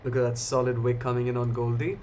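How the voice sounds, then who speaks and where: A man's voice: medium pitch, little pitch movement, fast, darkish tone, a little hiss or hum. Chatty man hosting a live trading stream. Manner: casual, chatty, addresses viewers directly. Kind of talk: live market commentary. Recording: slightly dull lo-fi audio.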